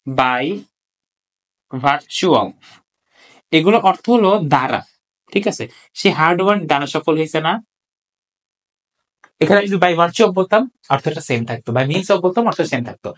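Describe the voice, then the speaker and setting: A tutor talks through exam answers in a recorded lecture, at a middling pitch. Each point comes with rhetorical questions and quick checks that listeners are following. English example sentences are read out slowly and deliberately. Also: fairly bright tone. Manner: explains step by step, asks rhetorical questions, checks understanding. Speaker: English tutor for admission exams.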